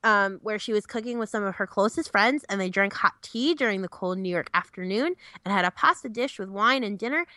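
A woman's voice: mid-range voice, animated, a little fast, few pauses, pushed and bright, dry recording. Friendly woman reading podcast news. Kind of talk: casual podcast chat.

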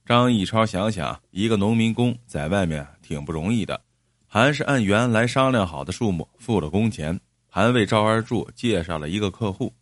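Low-voiced man telling a story. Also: animated, moderate pace, no room sound, clean studio sound. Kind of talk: storytelling narration.

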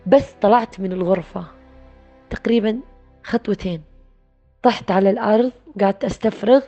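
A woman recounting a personal experience in a soft, reflective way, with pauses and restarts. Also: medium pitch. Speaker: guest telling her story. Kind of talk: personal storytelling. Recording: dull lo-fi sound with faint music.

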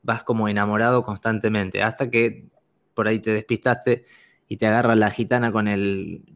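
Man, casual chat, animated, fairly low pitch. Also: moderate pace. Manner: animated storyteller, laughs often.

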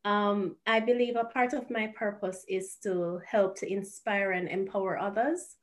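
Woman guest, author, mid voice, measured and reflective. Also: mid-range voice, steady tone. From Jamaica. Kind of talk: interview answers.

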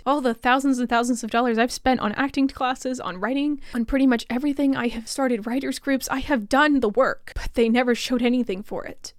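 A woman's voice: fairly high pitch, dry recording, clean studio sound. A woman in her twenties hosting a solo podcast, talking in an impassioned, rambling, conversational way with many asides. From Utah. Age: 20s. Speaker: podcast host.

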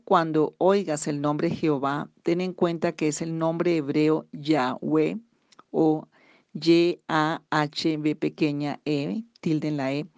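A woman giving a recorded Bible teaching, reading scripture aloud slowly and deliberately with pauses and small hesitations. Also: deep voice, a little mellow, no room sound.

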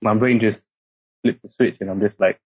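A young man who grew up in Singapore guests on a podcast, his casual British-accented talk code-switching from Singaporean English. His lowish, slightly rough voice keeps a steady tone at normal speed while he rambles with many fillers. The sound is muffled and lo-fi.

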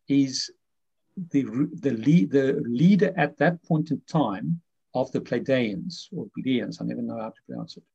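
Gravelly, husky man with muffled sound. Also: medium pitch, a little mellow. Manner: rambling, halting with fillers. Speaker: guest author. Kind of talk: conversational explanation. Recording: muffled lo-fi audio.

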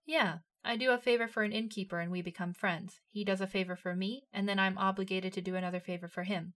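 A woman's voice: medium pitch, fairly even intonation, quick pace, fairly bright tone, lightly acted. A woman reading as a guilty young soldier.

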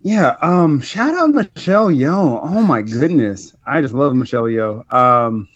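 A man at a mid pitch who talks loosely and circles back, stacking "um" and "like" as he goes. His voice sounds close and dry, with a slightly dull, lo-fi edge. It is a relaxed podcast conversation between friends. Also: measured pace, no echo. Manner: rambling, filler-heavy, laughs often. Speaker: podcast co-host. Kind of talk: casual movie review chat.

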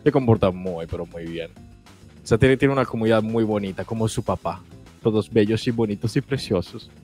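An Italian man with a lowish, darkish voice chats briskly as a guest co-host on a live stream. He's talkative, laughs a lot, and stammers, repeating words, while faint music plays in the background.

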